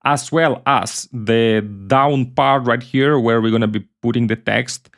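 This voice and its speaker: A man's voice: mid-range voice, fairly even intonation, unhurried, vocal fry, fairly bright tone. Tutorial host: a man. Casual and chatty, repeats himself, swears offhandedly. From Ukraine. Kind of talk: casual screen-recorded software tutorial.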